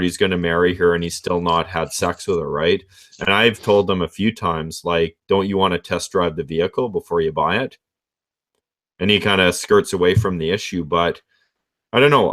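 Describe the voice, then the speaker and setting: A man's voice: sits low, a bit bright. A man telling a story in a casual, rambling, frank conversational way.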